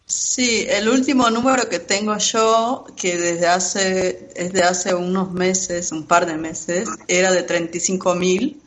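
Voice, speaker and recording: A woman from Brazil whose first language is Portuguese, a guest researcher explaining her views in a measured way on a radio interview. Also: lowish voice, level tone, a little hiss or hum.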